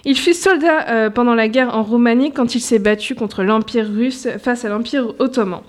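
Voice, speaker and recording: A woman presenting a poetry game on a radio show, playful and quick to laugh. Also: on the high side. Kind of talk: radio chat and reading.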